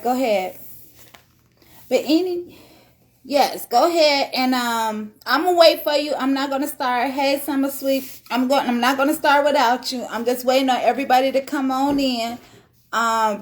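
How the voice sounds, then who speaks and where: A woman's voice: high voice, moderate pace. A woman hosting a casual live-stream podcast interview, chatty and upbeat, laughing often. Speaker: podcast host.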